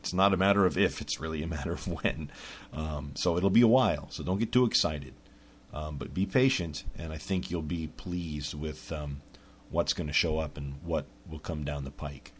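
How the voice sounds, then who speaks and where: A man's voice: a bass voice, moderate pace, a little hiss or hum. A man hosting a podcast, talking casually in a rambling monologue full of restarts. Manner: rambling, lots of restarts and fillers. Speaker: podcast host.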